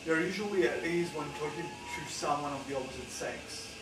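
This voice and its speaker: Guy reading a questionnaire, kinda high voice, uh uh a lot, echoey and far off. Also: over music. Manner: halting, many uh fillers. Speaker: study participant interviewer. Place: VR cave room. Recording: echoey room, heard from afar, noisy.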